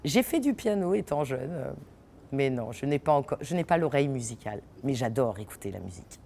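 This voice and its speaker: With an extremely low, gravelly voice at a fairly quick pace, this French Guianese woman, an actress who owns a theatre company, responds to interview questions in an unfinished theatre hall. She laughs a lot and hesitates frequently, in a lively manner, with a little hiss or hum in the audio.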